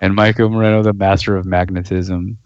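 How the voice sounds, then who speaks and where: A man co-hosting a podcast in casual chat, relaxed and wry, laughing easily. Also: low voice, a little fast, smooth, no echo, lo-fi sound. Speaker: podcast co-host.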